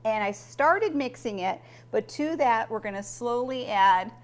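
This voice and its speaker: A woman's voice: fairly high pitch, lively intonation, measured pace. A middle-aged woman hosting a home cooking show with her family, chatting, explaining steps and laughing often. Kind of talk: casual cooking demo with family.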